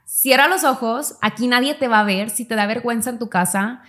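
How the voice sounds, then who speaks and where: Chatty woman telling a story. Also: fairly bright tone. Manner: storytelling, acts out quoted dialogue in quick higher tones. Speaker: podcast co-host. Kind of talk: casual chat.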